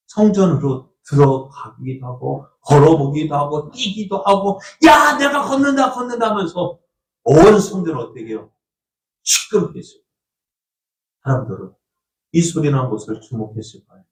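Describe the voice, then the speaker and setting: A man's voice: fairly high pitch, lively intonation, normal speed, pauses often, darkish tone. A male pastor preaching a storytelling sermon, asking the congregation questions and acting out the voices of people in the story. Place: church sanctuary. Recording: echoey church from a distant mic.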